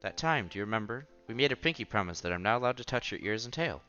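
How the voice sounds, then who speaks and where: This man has a lowish, expressive voice and talks fast, with dull-sounding audio. He reads a visual novel aloud through a headset mic, performing the dialogue and tossing in offhand remarks casually while soft music plays.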